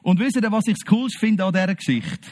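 A man with a Swiss German accent preaching a sermon to his congregation, animated, acting out the Bible scenes in quoted voices. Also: high-pitched, a little fast.

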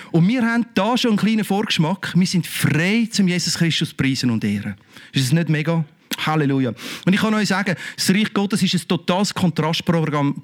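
A high-pitched middle-aged man preaching with a Swiss German accent. His delivery is fervent and exclamatory, full of cries of praise and rhetorical questions to the congregation. He speaks as a pastor in the middle of a sermon.

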